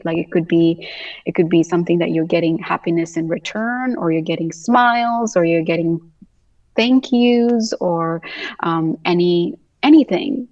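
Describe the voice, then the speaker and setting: Nepalese woman, low dull-sounding voice. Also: a little mellow, recorded from a distance. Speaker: guest, yoga teacher and gift business owner. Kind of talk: casual interview.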